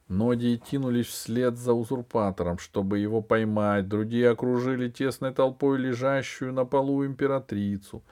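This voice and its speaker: A man's voice: on the low side, darkish tone. A man reading a children's sci-fi audiobook in a dramatic storytelling manner. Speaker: audiobook reader. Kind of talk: scripted narration.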